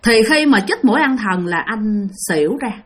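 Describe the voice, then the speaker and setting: A woman's voice: mid-range voice, normal speed, breathy edge. A woman telling a ghost story, speaking directly to her listeners. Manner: animated, addresses listeners directly.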